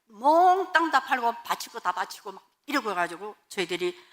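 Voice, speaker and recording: A woman, a pastor's wife, tells her church testimony as animated storytelling and acts out the dialogue. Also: on the high side, moderate pace.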